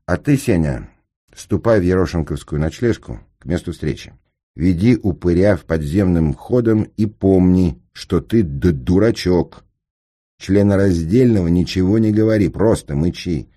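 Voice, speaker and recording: A man doing a calm, ironic middle-aged engineer. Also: deep voice, pitched above the performer's own voice. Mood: instructing. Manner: measured, dry, with slight stammers. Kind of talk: audiobook character reading.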